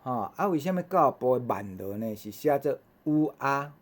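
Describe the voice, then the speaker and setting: A man with a Taiwanese accent teaching vowel sounds in a recorded lesson, repeating each sound in slow drills with frequent "ha" fillers. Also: medium pitch, animated. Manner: habitual "ha" fillers between drills. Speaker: language teacher.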